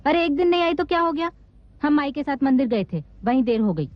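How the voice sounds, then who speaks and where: A sharp-tongued young actress who answers back defensively. Her voice sits high, and the sound is dry and a little dull. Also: big pitch swings, a little fast, no room sound. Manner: defensive, retorting.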